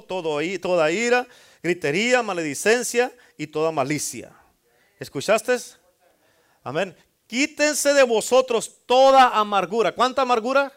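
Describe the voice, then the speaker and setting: High-voiced preaching man. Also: fairly bright tone. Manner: call-and-response preaching, asks congregation for amens. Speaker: pastor. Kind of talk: sermon.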